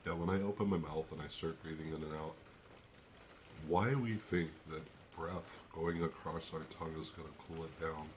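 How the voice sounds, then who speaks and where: A man reviewing a hot pepper on his own channel, talking slowly and thinking aloud between pauses while teary and sniffly from the heat. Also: extremely low pitch, fairly even intonation, slight background noise. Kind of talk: casual solo tasting review.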